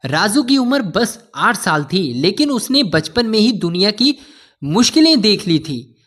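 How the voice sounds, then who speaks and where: A man's voice: sits high, very animated, unhurried, fairly bright tone. A man narrating an emotional cartoon story in a heartfelt way, often addressing listeners as friends.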